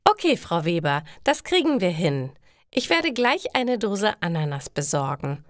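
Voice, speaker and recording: A woman's voice: lowish voice, big pitch swings, unhurried, dry recording. Woman voicing a young female order-taker, polite, accommodating, dry sound.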